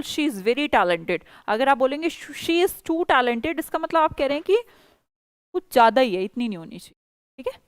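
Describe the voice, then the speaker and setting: A young woman teaches a spoken English lesson, her high voice smooth and clear. She asks questions, repeats them, and spells out example sentences at a slow, deliberate pace. The recording is close and dry. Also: no echo. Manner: explains patiently, repeats questions, models English sentences slowly. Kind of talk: online class teaching, mixing Hindi and English.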